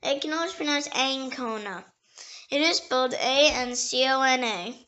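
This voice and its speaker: Slowly and carefully, a woman reads dictionary entries aloud, spelling out each word letter by letter and now and then stumbling and starting a word over. Her voice is high, pushed and bright.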